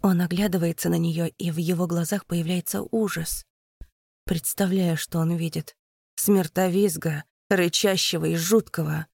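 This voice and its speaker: A woman's voice: on the low side, fairly even intonation, moderate pace, creaky, darkish tone, no echo. A woman narrating a first-person fantasy audiobook in a tense, dramatic reading.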